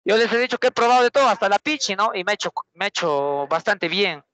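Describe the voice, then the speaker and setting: Speaking quickly in a high voice, this young Peruvian teacher narrates a story to his students with lively chatter. He keeps turning to them with rhetorical questions.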